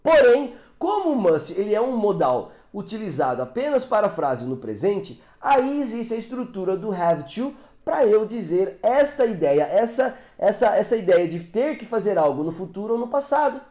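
A man's voice: sits high, very animated, moderate pace, hardly any pauses, mellow. A man with a Brazilian Portuguese accent teaching an online English grammar lesson. He explains step by step and keeps checking in with his viewers. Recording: echoey room.

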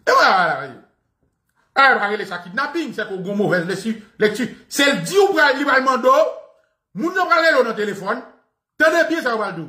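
A man giving animated, satirical commentary, mocking as he talks, laughing often and imitating bangs and gunshots. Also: very high voice, brisk. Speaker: online commentator. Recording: echoey room.

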